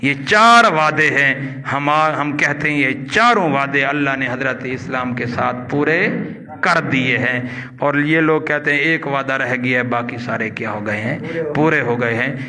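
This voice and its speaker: A male preacher delivers a religious lesson in a bright, forward voice. He teaches step by step, posing questions to the listeners and supplying the answers. He drawls Arabic grammar patterns out slowly, one at a time. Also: medium pitch. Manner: didactic, asks the audience questions and answers them himself. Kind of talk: Urdu religious lecture explaining Arabic grammar.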